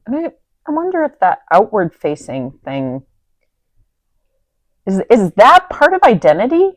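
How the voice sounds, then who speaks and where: A woman co-hosting a casual conversation, wry and animated, often pausing to search for words. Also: medium pitch, no room sound. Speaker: co-host.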